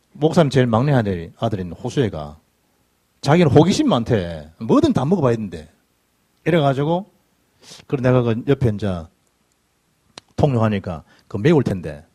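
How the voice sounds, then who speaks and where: A middle-aged pastor preaches in a church, sliding between loud bursts and low asides as his pitch rises and falls. His voice has a husky edge, and his storytelling is lively and full of dialect. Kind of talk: sermon with personal anecdotes. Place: church sanctuary.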